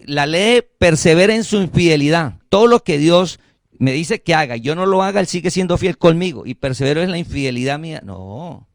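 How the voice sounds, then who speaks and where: A man's voice: fairly high pitch, fairly quick, dry recording, clean studio sound. A man preaching a sermon as pastor, speaking emphatically and calling the congregation family. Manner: emphatic preaching that acts out listeners' excuses.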